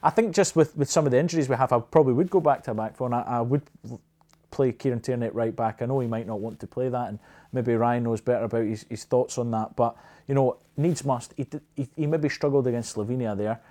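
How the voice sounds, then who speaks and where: A man's voice: mid-range voice, fast, mellow. A Scottish-accented man discussing football casually as a podcast panellist, rambling and restarting his sentences.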